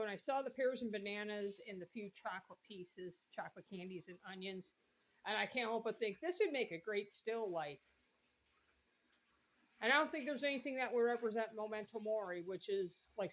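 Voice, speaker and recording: A woman's voice: medium pitch, a little fast, highs cut off, slight background noise. A woman chatting casually through a cooking vlog in her home kitchen, rambling and laughing often between remarks. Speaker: vlogger.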